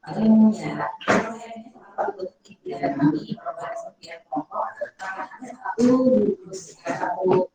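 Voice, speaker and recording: A woman's voice: high voice, sing-song, drawn-out words, gravelly, long pauses, over a noisy crowd. Woman on a choppy, cutting-out video call. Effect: choppy, cutting-out video call audio. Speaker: school staff member at an online parents' meeting. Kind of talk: casual explanation. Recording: echoey, breaking-up online call.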